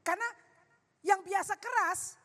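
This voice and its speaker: Lady pastor preaching loud n lively, really high voice, big echoey church hall. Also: measured pace. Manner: loud, animated preaching with playful asides. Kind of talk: sermon. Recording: long hall reverb.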